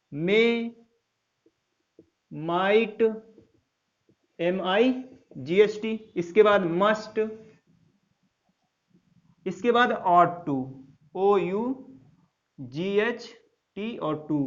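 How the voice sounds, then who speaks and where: A man teaching an English grammar lesson at an unhurried pace, his voice sitting high. He keeps repeating key words and quizzes his listeners with quick questions. The recording sounds dull and lo-fi. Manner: recites a couplet slowly. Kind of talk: classroom lecture.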